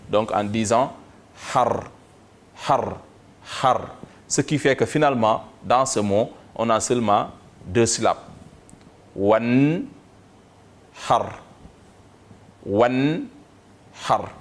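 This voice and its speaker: A man giving a Quran reading lesson in French, spelling out Arabic syllables slowly and repeating them one by one. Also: mid-range voice. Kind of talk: slow step-by-step reading lesson.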